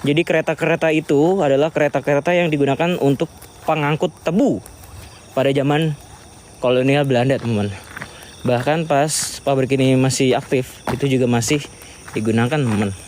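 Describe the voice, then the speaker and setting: A man's voice: mid-range voice, steady tone, fairly quick, darkish tone, slight background noise. A man hosting a casual ghost-hunting vlog outdoors at an old sugar factory. He talks in slang, turning between his viewers and the spirits. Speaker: paranormal investigator vlogger.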